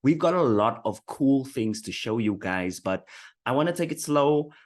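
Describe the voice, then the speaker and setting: An upbeat man hosts a marketing interview show, hyping up his guest in casual conversation and frequently tripping over his words. His voice is mid-range with lively intonation, at a moderate pace.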